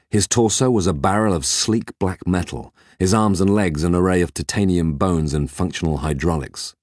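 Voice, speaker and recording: A man narrating a story in a wry, expressive storytelling manner. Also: sits low, no room sound, clean studio sound.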